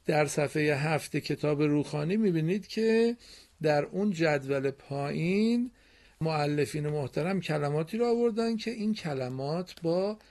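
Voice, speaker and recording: A man teaching a broadcast reading lesson to children, explaining slowly and patiently and praising his pupils often. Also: on the high side, darkish tone.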